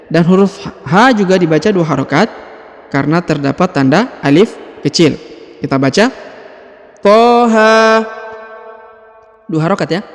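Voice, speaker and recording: A man's voice: high voice, in a large hall. A man teaching Quran reading step by step, patiently explaining each letter and drawing out its length. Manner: patient, explains slowly, ends phrases with "ya"; draws out letter names in chanted recitation. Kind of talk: step-by-step recitation lesson.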